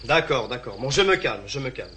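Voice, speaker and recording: Nervous lieutenant, agitated formal speech, bright tense voice, faint noise behind. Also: male voice, medium pitch, big pitch swings, fairly quick. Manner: agitated, anxious, formal military address. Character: nervous French colonial lieutenant, out of his depth. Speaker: army lieutenant.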